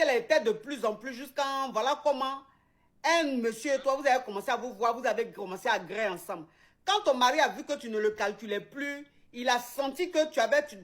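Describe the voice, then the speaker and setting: A woman, hosting and retelling a viewer's story in casual chat, addressing the listener directly and repeating phrases for emphasis. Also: fairly high pitch.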